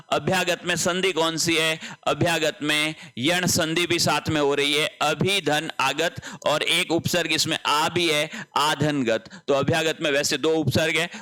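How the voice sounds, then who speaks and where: A male teacher with a bright, fairly high voice walks through exam questions one by one. He explains each answer patiently and keeps reminding his students to take note. He draws out key words slowly to stress them. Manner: explains step by step, often repeating "dhyan rakhen". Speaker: Hindi teacher. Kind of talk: exam paper solution lesson.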